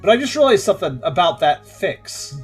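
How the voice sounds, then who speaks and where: A man's voice: sits high, sing-song, fairly quick, husky. A man hosting a gaming video with casual let's-play commentary and wry, joking asides. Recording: light game music behind.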